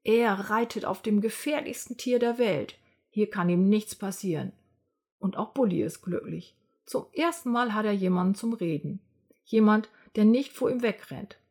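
A woman narrating a children's story aloud in a lively, expressive way. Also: mid-range voice, moderate pace, breathy edge.

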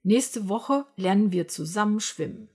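A woman's voice: mid-range voice, a little slow, a little mellow, breathy edge. Woman doing a cocky little storybook critter. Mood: cheerful. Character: small boastful male animal, timid turned cocky. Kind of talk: storybook read-aloud.

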